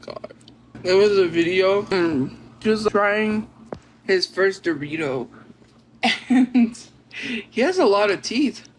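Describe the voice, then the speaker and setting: A woman's voice: mid-range voice, animated, slow pace, pauses often, slight background noise. A woman streamer chatting casually with her viewers and reacting to their comments. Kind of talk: casual livestream chat.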